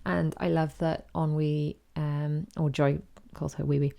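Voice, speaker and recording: Brief: woman podcast host, chatty storyteller, low and gravelly, mellow tone. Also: a little slow. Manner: chatty, animated retelling with quoted voices. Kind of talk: casual chat.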